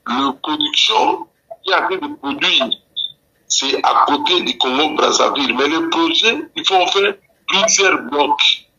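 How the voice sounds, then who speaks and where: A male guest explains at length over a very bright, thin phone line with faint hiss behind him. His talk is halting, full of restarts and repeated words. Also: fairly high pitch, vocal fry. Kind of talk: explanatory call-in commentary.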